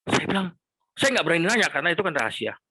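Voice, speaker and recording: A man in his sixties giving a casual faith testimony, rambling and repetitive, dropping into quiet asides. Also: on the high side, sing-song, very fast, breathy edge, dry recording, rough recording. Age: 60s. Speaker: speaker giving a personal testimony.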